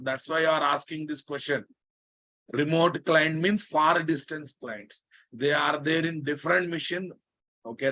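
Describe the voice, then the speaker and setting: A man's voice: on the high side, bright, forceful tone. A man with a Telugu Indian accent teaching a live online technical class as an instructor, repeating key phrases emphatically and often checking that students follow. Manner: emphatic repetition with frequent check questions to students. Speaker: programming instructor.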